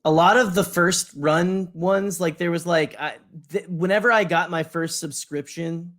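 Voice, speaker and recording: A podcast co-host whose voice is a little high and a bit bright keeps a steady tone and a measured pace. He chats casually and eagerly, rambling, using slang and repeatedly interrupting himself.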